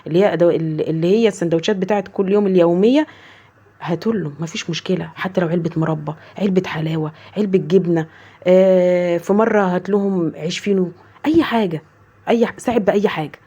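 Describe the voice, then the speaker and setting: A woman's voice: lowish voice, fast talker, mellow, breathy edge, lo-fi sound. A woman in her thirties with an Egyptian accent, a mother chatting earnestly with her viewers, swearing oaths often and retelling conversations. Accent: Egyptian Arabic. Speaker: mother vlogger. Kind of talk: heartfelt casual chat to viewers.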